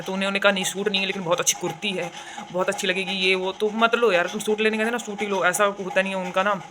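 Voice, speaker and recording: A woman's voice: medium pitch, pushed and bright, a little hiss or hum. A young woman from India chatting casually in a vlog, telling stories, with a sore throat and a cough now and then. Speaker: vlogger.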